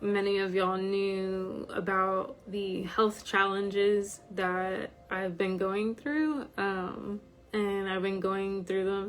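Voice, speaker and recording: A tired-sounding woman with a slightly croaky voice, talking informally and haltingly as she hosts an online study group. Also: medium pitch, poor audio. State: tired from medication. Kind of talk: informal livestream talk.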